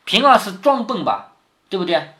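A man reads a classic novel aloud to his daughter, stopping often to explain. He keeps checking in with rhetorical questions. His pitch swings in a lively way. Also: moderate pace. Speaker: father reading to his daughter. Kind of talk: reading aloud with commentary.

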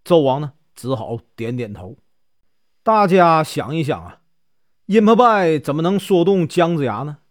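A man telling a classic tale in a chatty, colloquial way, full of drawn-out particles. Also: fairly high pitch, sing-song, no room sound, studio quality. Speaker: storyteller. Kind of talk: chatty storytelling of a classic novel.

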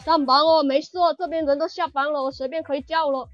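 A woman's voice: high voice, steady tone, fast talker, no echo. A woman bantering playfully on a live stream, pleading and chanting phrases over and over. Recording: dull lo-fi stream audio with faint music.

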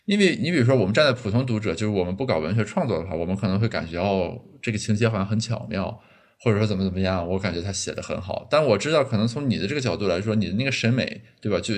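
A man hosting a podcast, asking curious, probing follow-up questions in a casual interview. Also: on the low side. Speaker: podcast host.

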